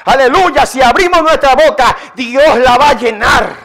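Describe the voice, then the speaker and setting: A man's voice: very high-pitched, normal speed, fairly bright tone. A man preaching a Sunday sermon in church, emphatic and repetitive, calling on the congregation to respond. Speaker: pastor. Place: church service. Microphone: live-streamed sermon.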